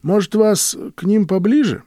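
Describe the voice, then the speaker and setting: A laconic, indifferent truck driver from an audiobook, drawling his questions slowly in a higher, lively voice, as a male reader puts him on. The recording is dry and close. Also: dry recording.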